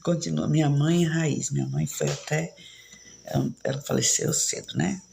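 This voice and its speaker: A woman's voice: sits low, fairly even intonation, moderate pace, gravelly, darkish tone, slight background noise. A woman in her fifties from São Paulo, with a São Paulo accent mixed with Bahian, chatting casually and rambling as she hosts a live stream and reads viewer comments. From São Paulo, Brazil. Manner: chatty, rambling, frequent tag questions. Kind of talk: casual chat.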